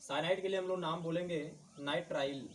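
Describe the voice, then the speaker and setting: A man teaching chemistry in a slow lecture, repeating each term and talking to his students as kids. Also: a little high. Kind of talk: blackboard lecture. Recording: distant mic with faint background noise.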